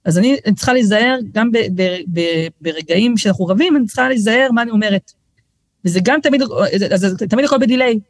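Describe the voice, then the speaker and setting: A middle-aged woman, a guest author on a casual podcast, tells lively stories in a fairly high voice, acting out quoted voices and often restarting sentences. The studio sound is clean, with no room sound.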